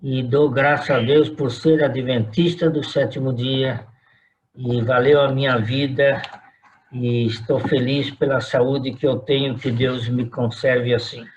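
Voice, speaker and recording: A man in his eighties from São Paulo, with a Paulistano accent, recalling his family history slowly and deliberately in an interview. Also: medium pitch, steady tone, dull audio, slight background noise. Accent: Paulistano Brazilian Portuguese. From São Paulo, Brazil. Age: 80s. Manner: slow, deliberate recollection. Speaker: retired pastor.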